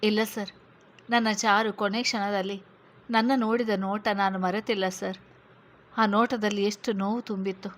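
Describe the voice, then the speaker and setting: A woman's voice: medium pitch, level tone, normal speed, lightly acted. A woman voicing a grieving young orphaned woman who pleads tearfully with an officer, calling him sir.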